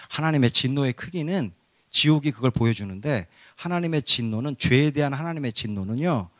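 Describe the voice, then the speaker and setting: Male pastor, sermon delivery, very animated pitch, dry close recording. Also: no room sound. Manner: animated preaching, rising to loud cries and acted quotes.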